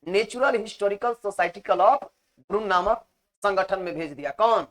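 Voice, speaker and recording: A woman's voice: medium pitch, normal speed. A woman lecturing a biology class, repeating points and asking questions she answers herself. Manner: repetitive, emphatic explaining. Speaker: biology teacher.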